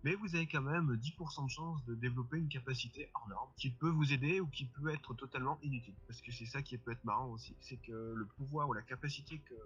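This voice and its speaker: A man's voice: medium pitch, fast talker, few pauses, a bit bright, slight background noise. A man co-hosting an amateur web radio show, presenting a review in a casual, hesitant way with many fillers and restarts. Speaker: co-host presenting a forum review. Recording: dull lo-fi sound with faint music.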